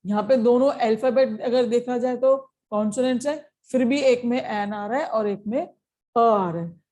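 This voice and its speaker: Warm in tone and fairly high in pitch, a woman speaks at a moderate pace while teaching an exam-prep grammar lesson. Switching between Hindi and English, she breaks everything down step by step and keeps asking short questions to confirm her students follow.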